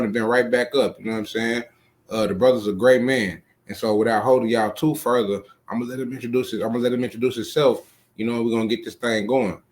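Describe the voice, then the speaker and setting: A man hosting a casual interview, easygoing and full of conversational fillers. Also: mid-range voice. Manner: easygoing, lots of "you know what I'm saying". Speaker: host.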